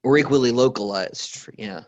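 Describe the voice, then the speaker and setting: A male host in a casual conversation with an average-pitched voice. He speaks thoughtfully and softens his points with fillers. The recording is dry, with no room sound. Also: moderate pace, dry recording, highs cut off.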